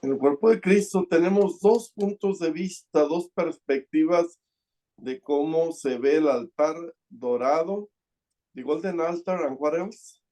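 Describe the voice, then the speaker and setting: Man, church interpreter, mellow dark voice, steady fluent delivery, reads scripture aloud. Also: on the high side, measured pace. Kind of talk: live sermon interpretation and scripture reading.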